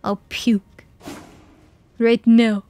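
Her fairly high voice is mellow and flat, delivered very slowly, with a little hiss or hum in the audio. She's a young adult woman from Portugal streaming a game, playfully replying to viewers' messages with fake anger and jokes.

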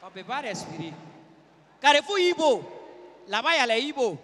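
High-voiced comedian on a big stage. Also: male voice, fairly quick, long reverb tail, heavy background noise. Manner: animated, chatty storytelling. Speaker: stand-up comedian. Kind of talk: live stand-up storytelling.

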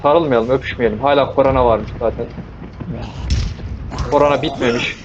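Brief: young male gamer, jokey chatter at the zombies, dull lo-fi mic, steady hiss behind. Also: mid-range voice, moderate pace. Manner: joking, talks to the zombies, bursts into yells. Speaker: gameplay streamer. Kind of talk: casual let's-play commentary.

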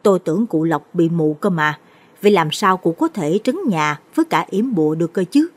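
A woman voicing a bewildered older woman who keeps asking questions, in a low, breathy voice. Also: animated, brisk. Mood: puzzled. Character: puzzled older woman visitor.

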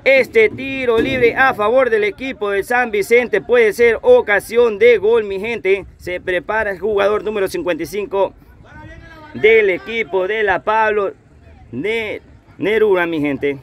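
Outdoors at a football pitch, an amateur commentator with a high-sitting voice calls the match live, play by play, at an unhurried pace. He repeats his phrases over and over.

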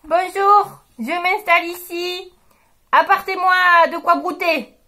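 A woman's voice: extremely high pitch, fairly even intonation, slow, bright, forceful tone, pitched above the performer's own voice, exaggerated voice. A woman voicing a female mule who tries bossing others, then apologizes with a sigh, in a storybook reading. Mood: bossy. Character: sheepish female mule, bossy then sorry.

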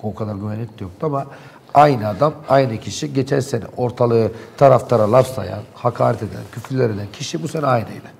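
A man's voice: medium pitch, brisk, vocal fry, darkish tone, husky. A man in a local TV studio, animatedly and indignantly recounting events in heated talk.

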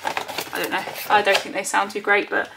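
A woman's voice: medium pitch, level tone, moderate pace. A British woman chatting casually to camera as a haul vlogger, slightly out of breath, rambling with lots of ums. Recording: clear background noise with clicks.

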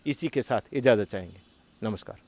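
A male news anchor from closing a political interview with formal, measured commentary. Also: fairly low pitch, animated, a little mellow, no room sound.

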